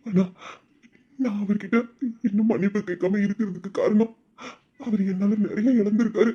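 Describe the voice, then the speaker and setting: A man's voice: sits high, fairly even intonation, moderate pace, husky, muffled recording. A man voicing a remorseful young man in a Tamil audio drama, confessing with tears. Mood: quiet resolve. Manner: emotional, confessional, tearful.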